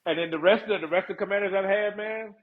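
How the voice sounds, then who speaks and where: A man's voice: sits high, fairly even intonation, quick pace. Laid-back retired sergeant man, tinny line. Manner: laid-back, laughs often, calls the listener "man". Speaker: retired first sergeant, podcast guest. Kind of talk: casual interview talk.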